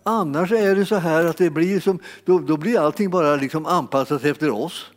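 En manlig predikant med ganska ljus röst, som talar trevande, tar om ord och ibland brister ut i höga utrop, i en stor sal med lång efterklang. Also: male voice, on the high side. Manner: halting, repeats words, rises to exclamations. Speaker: preacher. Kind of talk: sermon. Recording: long hall reverb.

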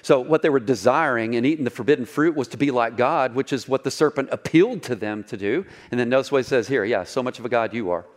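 A man's voice: mid-range voice, fast talker, few pauses. A man preaching a sermon in a conversational way, with asides to the congregation and rhetorical questions. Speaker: pastor.

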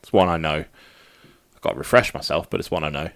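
A man's voice: a bass voice, fast, vocal fry, a bit bright. A man speaking informally as a game master, casually explaining the tabletop game to his players.

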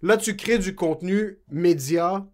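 A man's voice: sits high, unhurried. A young man with a Québécois French accent, co-hosting a casual chat and loosely mixing in English slang.

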